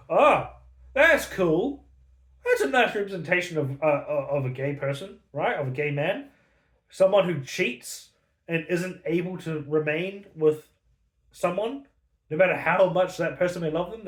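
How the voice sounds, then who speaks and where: Profane, high-voiced male book ranter. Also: echoey room. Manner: profane, angry, sarcastic. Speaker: book reviewer. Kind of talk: casual ranting review.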